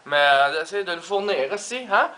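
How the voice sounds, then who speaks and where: A man with a thick Québécois French accent rambles through a stand-up comedy monologue, stuffing his sentences with Quebec swear fillers and stray English words. His voice sits a little high and sounds bright and tense. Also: expressive, moderate pace, slight background noise. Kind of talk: comic monologue.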